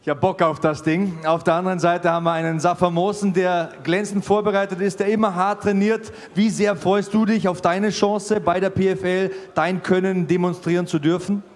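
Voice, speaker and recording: A man in his forties hosts a fight event interview, talking fluently and building hype for the bout. His voice is pitched notably high for a man. He speaks into a handheld mic at an indoor venue. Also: level tone, moderate pace, hardly any pauses. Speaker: host and commentator.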